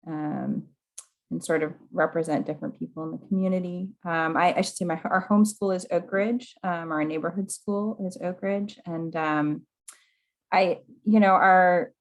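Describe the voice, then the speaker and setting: A woman introducing herself as a parent in a meeting, hesitant with frequent fillers, on a video call. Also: fairly low pitch. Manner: warm, hesitant with many fillers. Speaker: parent committee member.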